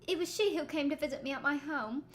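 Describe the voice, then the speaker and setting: A woman's voice: high voice, fast talker, close to an everyday voice. A woman voicing an elegant, formal female guest in a game story, reading her lines aloud. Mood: poised.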